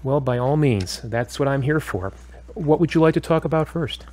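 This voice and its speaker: In a scripted audio drama, a man plays a calm, firm therapist who probes with measured, instructive questions. His mid-range voice sounds natural, and his mood is attentive and probing.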